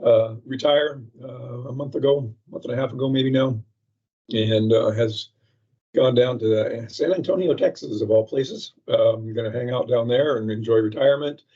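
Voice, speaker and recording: A man presenting a slide update at a public meeting over a patchy remote microphone that sounds muffled, as if heard through a wall, speaking in halting bursts with many fillers. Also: medium pitch, warm tone, husky. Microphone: remote call microphone with a patchy connection. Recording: muffled, dull remote call audio.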